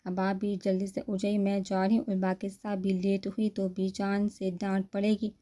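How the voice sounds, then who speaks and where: A woman's voice: medium pitch, monotone, mellow, close to an everyday voice. A woman reading a novel aloud, voicing a chatty, friendly young woman cousin who insists on keeping company. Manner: talkative, insistent.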